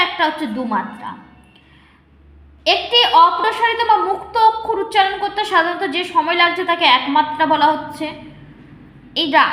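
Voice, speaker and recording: A woman's voice: extremely high pitch, bright, forceful tone. A woman teaching a lesson to students, explaining step by step and asking them whether they follow. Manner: explains step by step, checks understanding with questions. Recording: echoey room.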